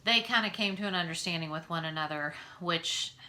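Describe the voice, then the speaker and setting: A woman reading a children's novel aloud and then talking about it in a relaxed way, with fillers. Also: on the low side, brisk.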